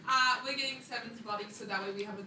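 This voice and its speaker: A woman's voice: medium pitch, racing, bright, forceful tone. A woman playing a tabletop game and chatting casually, bossy, blunt and sarcastic, with plenty of swearing. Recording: echoey room, distant mic, noisy background.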